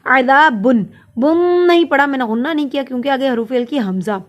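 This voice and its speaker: A woman teaching tajweed step by step, explaining each sound before reciting it slowly and drawn out. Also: sits high, highs cut off. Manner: patient, step-by-step. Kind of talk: tajweed lesson with slow recitation.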